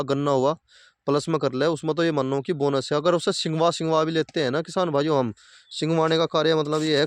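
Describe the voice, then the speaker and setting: A man stands out by the fields, giving fellow farmers plain advice and going over each point twice. His voice sits a little high. The sound is dry and close. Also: no echo. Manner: plain-spoken, repeats points, addresses viewers as farmer brothers. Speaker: farming video host. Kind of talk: casual advice talk to farmers. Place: outdoors by sugarcane fields.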